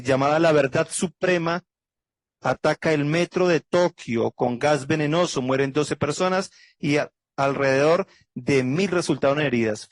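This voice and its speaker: A man with a fairly high-pitched voice, recorded with no echo, is a pastor teaching a theology class. His Bible study lecture goes methodically through dates and facts and ends with an earnest prayer.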